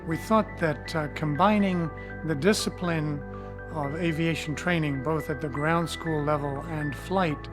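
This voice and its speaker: An older man from Tanzania, a pilot and ministry founder, giving a measured, earnest testimony with occasional fillers. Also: on the high side, over music. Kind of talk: testimony interview.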